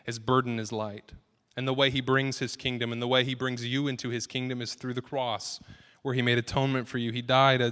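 A man's voice: mid-range voice, sharp tone. A man in his thirties, a pastor giving an earnest, conversational sermon that builds in emphasis. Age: 30s. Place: church sanctuary. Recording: long reverb of a church hall.

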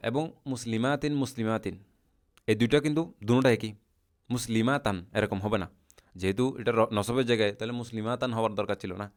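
A man teaching a recorded language lesson, patiently repeating word forms slowly for his students. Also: lowish voice. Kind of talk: recorded lesson explaining a chart.

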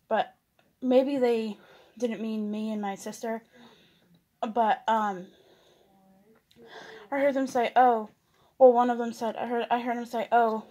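Chatty young woman, slightly high voice. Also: mellow. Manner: rambling, many fillers and restarts. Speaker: vlogger. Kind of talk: casual mukbang chat while eating.

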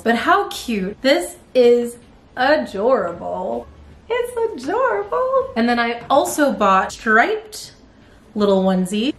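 A young woman vlogger chatting casually about a haul, bubbly and gushing, often slipping into a cutesy baby voice. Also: fairly high pitch. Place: outdoors in bright sun. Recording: roomy echo.

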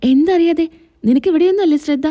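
A hot-tempered young man voiced by a woman storyteller, snapping in quick bursts, fairly high with a dark, mellow tone, in a serial retelling. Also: close to an everyday voice. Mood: snappish.

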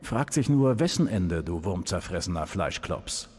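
An actor playing a defiant, insolent warrior hero in a fantasy video game, with a dry, taunting delivery. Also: male voice, deep voice, lively intonation, a little slow, a little mellow. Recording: long reverb, some background noise.

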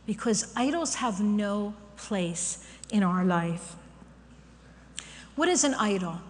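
A woman giving a candid, animated testimony sermon in a church, laughing at herself as she tells her story. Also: mid-range voice. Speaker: church speaker sharing a testimony. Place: church sanctuary. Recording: church hall reverb, faint room noise.

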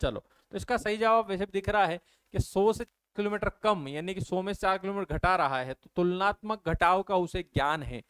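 A man's voice: high voice, moderate pace, hardly any pauses, fairly bright tone, clear, resonant tone, no echo. A man teaching an exam-prep maths lesson, explaining step by step and putting questions to his viewers. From India. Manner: explains step by step, keeps asking the viewers questions and answering them.

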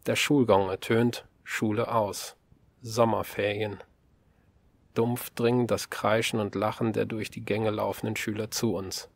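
A man narrating a first-person story in a calm, measured way, as in an audiobook. His voice sits fairly low. The recording is close and dry, with no room sound. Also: vocal fry, dry recording.

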